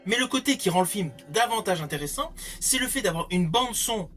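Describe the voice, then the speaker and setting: A man's voice: high voice, lively intonation, a little fast, fairly bright tone, soft background music. A man giving a scripted film review, explaining things with emphatic phrasing. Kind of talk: scripted movie review narration.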